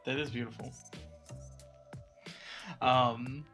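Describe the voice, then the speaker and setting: Male host, relaxed, filler-heavy, middle pitch, music behind. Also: slow pace. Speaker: podcast host. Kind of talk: casual chat.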